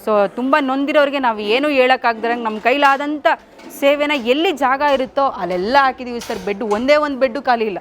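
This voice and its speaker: A woman's voice: high voice, fairly quick, a little hiss or hum. A woman who works as an ashram caretaker, earnestly explaining the residents' situation to an interviewer. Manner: earnest, explaining, repeatedly soothing. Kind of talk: interview answers.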